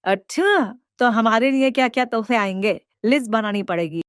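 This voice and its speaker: A woman plays a greedy cartoon mother-in-law who nags and bosses her daughter-in-law around. Her voice is smooth and clear, recorded dry and close with no room sound. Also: fairly high pitch, lively intonation, normal speed, no room sound, natural voice. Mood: indignant. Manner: bossy, nagging, demanding. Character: greedy scheming middle-aged mother-in-law. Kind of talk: cartoon voice acting.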